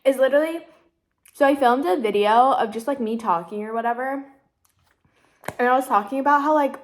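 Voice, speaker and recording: A woman's voice: sits high, a little fast. A woman in her twenties talking casually to camera while eating, rambling with lots of "like" and "literally," sometimes with her mouth full. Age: 20s. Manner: chatty, rambling, heavy use of "like" and "literally". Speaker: vlogger. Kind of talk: casual mukbang chat.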